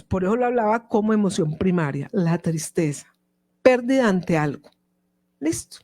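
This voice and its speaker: A woman's voice: medium pitch, dark tone, no echo. A woman speaking Spanish with a Colombian accent, giving an informal talk as a psychologist and often checking in with her listeners. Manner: explanatory, checks in with the audience.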